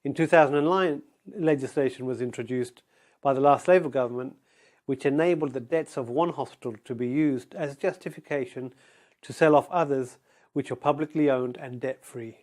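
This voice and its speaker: A man giving a measured, factual documentary narration. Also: medium pitch, darkish tone.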